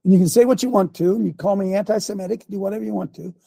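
An older man hosting a show in a preachy commentary style, repeating his points and firing rhetorical questions, often clearing his throat. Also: sits high, very fast, warm tone, no room sound. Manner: emphatic, repeats lines, fires rhetorical questions. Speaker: show host.

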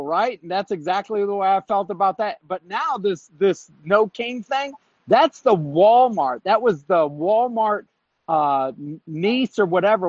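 A man calling in to a talk show from his car, his fairly high voice coming through a dull, muffled phone line. He speaks with preachy emphasis and rushes from point to point. The line sounds dry, with no room around him. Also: dry recording. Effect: phone call from a moving car. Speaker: caller. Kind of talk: call-in talk show chat.

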